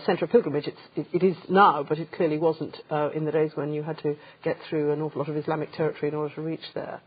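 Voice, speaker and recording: A woman with a husky voice puts questions to her co-host and adds short remarks of her own. She is heard on a dull, lo-fi recording. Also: deep voice. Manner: inquisitive, adds short comments. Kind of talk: unscripted history talk. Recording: dull lo-fi sound.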